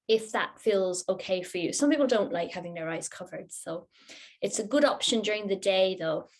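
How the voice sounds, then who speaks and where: Guiding a yoga nidra class through relaxation, a woman speaks in a mid-range voice. Her instructions come gently and unhurriedly, in a soothing way.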